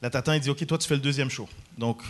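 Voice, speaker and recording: A man from Quebec, a guest comedian telling animated stories and acting out quotes in high voices. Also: fast. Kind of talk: casual storytelling.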